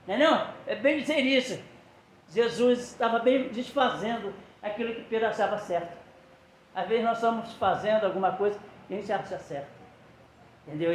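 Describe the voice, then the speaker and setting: A man preaching in a casual, conversational way, retelling scripture stories and acting out the quotes in a church hall. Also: high-pitched. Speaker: lay preacher. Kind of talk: sermon. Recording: roomy echo, faint background noise.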